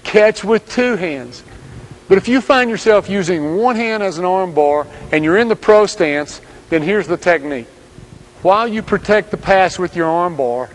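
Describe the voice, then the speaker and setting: A man giving scripted instructional narration as a basketball coach, speaking in steady, direct commands. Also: sits high, low-quality recording.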